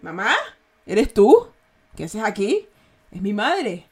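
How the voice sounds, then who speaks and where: A woman's voice: medium pitch, big pitch swings, takes it slowly, darkish tone, husky, faint music behind. Chatty Ecuadorian woman teaching slang. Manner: chatty, checks in with "¿ya?" often. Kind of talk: casual slang lesson.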